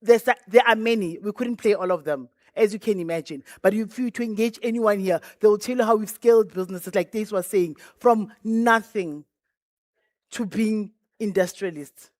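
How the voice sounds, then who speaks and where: A woman's voice: mid-range voice, moderate pace, a little mellow, dry recording, studio quality. A woman giving a closing speech at a launch event as a bank programme representative, earnest and chatty with repeated thanks and pleas. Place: event venue stage.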